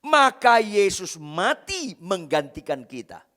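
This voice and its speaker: A man preaching a sermon as pastor, driving home points by repeating key phrases and swinging between loud and soft. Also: high-pitched, very animated, takes it slowly. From Indonesia.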